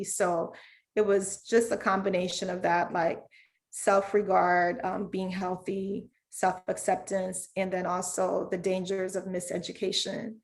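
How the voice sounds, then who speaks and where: A woman from Zambia, a children's book author, reading her story aloud and then talking about it on a video call in a relaxed, conversational way. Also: lowish voice. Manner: relaxed, conversational, many fillers. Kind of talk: reading aloud and interview answers.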